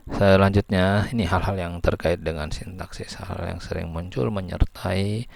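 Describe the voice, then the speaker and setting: A man's voice: low voice, steady tone, normal speed, vocal fry, no room sound. A man giving a lecture, explaining step by step and reading out example sentences. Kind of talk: lecture on syntax.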